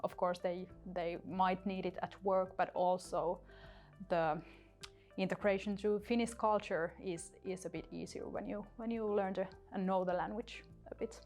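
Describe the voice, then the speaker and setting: A woman's voice: on the low side, fairly even intonation, normal speed. A woman working in HR, speaking hesitantly in a corporate interview with fillers and restarts. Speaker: HR staff. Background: soft music.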